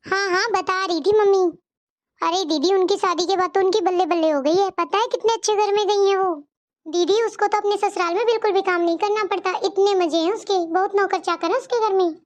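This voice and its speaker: A woman voicing a chatty, blunt, naive younger sister in a cartoon story, with a high, squeaky voice. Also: steady tone, brisk.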